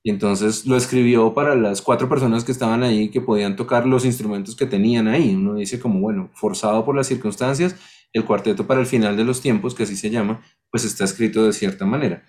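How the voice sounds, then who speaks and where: A man's voice: lowish voice, steady tone, fast talker, a little mellow. A man teaching a music appreciation class over a video call, explaining patiently and tapping out rhythms on sung syllables. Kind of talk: online class lecture.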